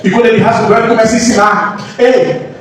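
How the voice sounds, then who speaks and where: A man, a pastor, preaching a sermon with passion, moving between soft lines and shouts. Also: high voice, little pitch movement, racing, crowd noise. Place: church hall. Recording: echoey church hall, mic far off, faint noise.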